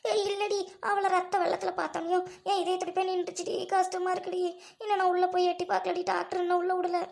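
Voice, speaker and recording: A woman voicing a frantic young female friend in a cartoon, wailing and panicky in a very high squeaky voice. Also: little pitch movement, quick pace, gravelly, darkish tone. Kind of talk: cartoon voice acting.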